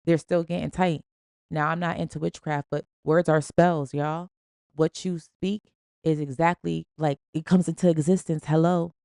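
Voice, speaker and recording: A woman from Springfield hosts a podcast, delivering an emphatic, slangy, preachy motivational talk in a casual style. Her low, gravelly, dark voice stays level at a normal speed, and the clean, dry studio recording has no room sound.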